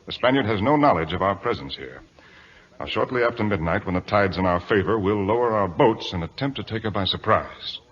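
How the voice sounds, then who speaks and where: An actor playing a shrewd, reserved British naval captain, formal and authoritative, in an old-time radio drama. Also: male voice, fairly low pitch, expressive, fairly quick, fairly bright tone, breathy edge. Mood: calm, resolute. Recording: dull vintage radio recording.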